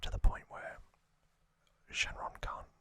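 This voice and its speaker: As an ASMR host, a man whispers an entire story without voicing, his breathy delivery broken into short, faltering phrases and carrying a sharp tone.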